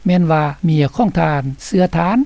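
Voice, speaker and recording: A woman's voice: lowish voice, brisk, gravelly, dark tone, dry recording. A woman reading scripted documentary narration for a radio report. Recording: dull, slightly lo-fi, dry studio sound.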